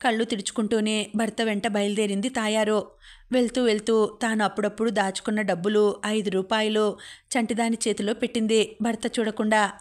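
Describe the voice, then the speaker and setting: A woman reading a novel aloud as audiobook narrator, in steady scripted narration. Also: medium pitch, brisk.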